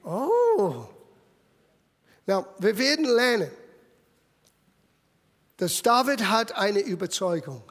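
A man preaching a sermon as lively storytelling, dropping English phrases into his German and bursting into loud exclamations. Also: high-pitched, slow pace, pauses often. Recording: long echoey hall reverb.

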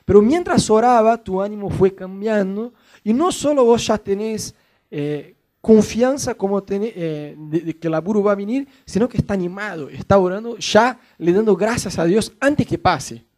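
A middle-aged man with a Rioplatense accent gives a casual sermon. His voice sits high for a man. He talks in a chatty, joking way and mimics the people in his stories. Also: moderate pace, a little mellow. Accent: Rioplatense Spanish. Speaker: pastor.

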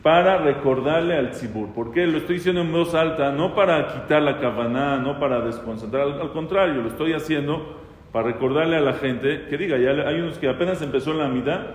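A rabbi teaching a casual lesson on prayer law, talking conversationally, asking questions and quoting prayers aloud. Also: male voice, a little high, fairly quick. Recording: echoey hall with faint ambience.

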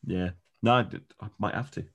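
A man hosting a casual quiz among friends, chatty and quick to laugh. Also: on the low side. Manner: laughs easily, loose and chatty. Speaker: quiz host. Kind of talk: casual podcast quiz chat.

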